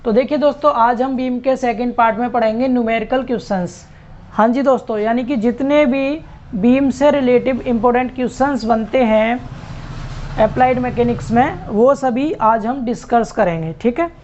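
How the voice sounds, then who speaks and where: A man teaches an online lecture, explaining step by step and repeating key terms, in an extremely high-pitched voice with a darkish tone at normal speed. The recording is muffled and lo-fi.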